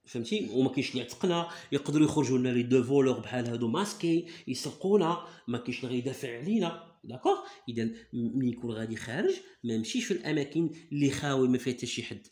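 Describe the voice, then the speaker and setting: A man with a Moroccan accent tutors a child in reading, coaxing and repeating words to drill them, in an echoey room. His medium-pitched, slightly mellow voice is expressive and racing, with few pauses.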